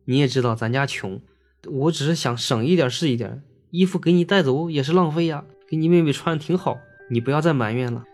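A man's voice: on the high side, fairly quick, darkish tone, faint music behind, pitched above the performer's own voice, close to an everyday voice. Man doing a pleading old mother. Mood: pleading remorse. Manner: coaxing, soothing pleading.

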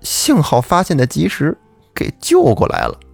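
A man voicing a panicky young male servant in a storytelling podcast, his voice pushed far up into a shrill cry. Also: wildly swooping pitch, moderate pace, vocal fry, a little mellow, no echo, soft background music, heavily acted. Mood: sheepish.

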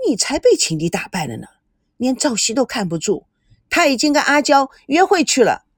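A moody young woman answers in a sulky, coquettish way, as a woman reader puts her on. Her lively voice rises sharply when she protests. The recording is dry and close. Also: high-pitched, normal speed, husky, dry recording, exaggerated voice.

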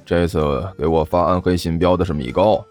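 A man's voice: low-pitched, steady tone, moderate pace, a little mellow, soft background music, voice pushed down, natural voice. A man doing a lazy, smug demon king. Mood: irritated. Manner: drawling, dismissive.

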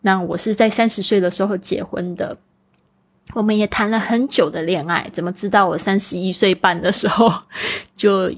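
A woman in her forties hosts a podcast English lesson. She walks through pronunciation step by step and moves between Chinese and English. Her voice sits at an ordinary middle pitch. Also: steady tone, normal speed, husky. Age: 40s. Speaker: podcast host and English teacher.

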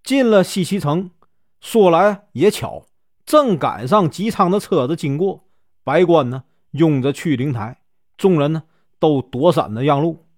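A man's voice: fairly high pitch, lively intonation, a little mellow, no echo, clean studio sound. A male storyteller with a Northeastern Mandarin accent, telling a classic tale in a chatty, folksy way. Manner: chatty, many drawn-out filler particles.

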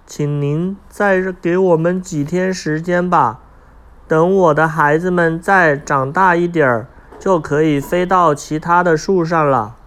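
A man's voice: a little high, unhurried, a bit bright. A man voicing a desperate mother crow who pleads tearfully for her chicks in a storybook reading. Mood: pleading.

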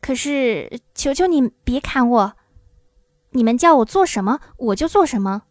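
A woman voicing a timid little old man who pretends to be a great wizard, speaking in a hushed, pleading way. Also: on the high side, expressive, normal speed, no room sound, clean studio sound, close to an everyday voice. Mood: trembling.

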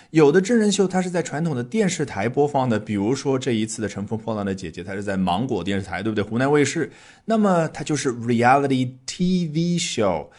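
A man's voice: medium pitch, a little mellow. A man hosting an English lesson podcast, explaining vocabulary in a chatty way with frequent fillers and rhetorical questions. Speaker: English teacher and podcast host.

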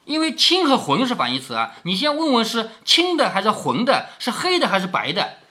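A man reading a classic novel aloud to his daughter and stopping often to explain it, asking "right?" as he goes. His pitch rises and falls in a lively way, and his voice is bright and forceful. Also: brisk. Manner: chatty, explanatory. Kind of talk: storytelling with commentary.

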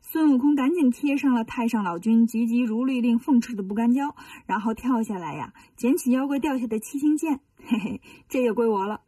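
A woman narrating a children's story in a lively, folksy way. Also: on the high side, brisk, few pauses, husky, no echo, recorded from a distance.

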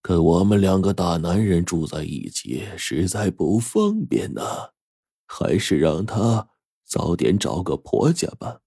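A man playing a grave old master sorcerer, stern and unhurried, who lays down rules in a low, weighty voice. The voice is husky and close, with no room around it. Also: expressive, dark tone, no room sound, heavily acted. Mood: solemn. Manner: slow, weighty admonishing delivery.

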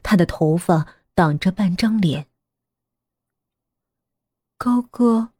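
Husky-voiced woman narrating a suspense audiobook. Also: lowish voice, no echo, clean studio sound. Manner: measured, hushed storytelling that drops to a near whisper.

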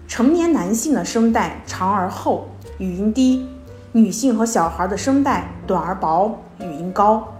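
Woman lecturing in an echoey room. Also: mid-range voice. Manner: steady explanatory delivery with verbal fillers. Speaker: psychology lecturer. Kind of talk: recorded lecture. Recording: echoey room with faint music.

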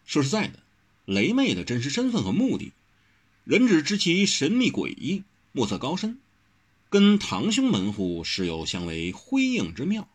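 A man voicing a calm, thoughtful young swordsman who explains things in a measured way, in a storybook reading. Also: on the high side, voice pushed up.

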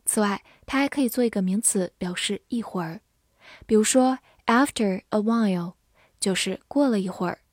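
A woman giving a scripted English vocabulary lesson, explaining words clearly and reading example sentences slowly. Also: medium pitch, no room sound, clean studio sound. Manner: clear, measured, slows down for model sentences. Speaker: English teacher.

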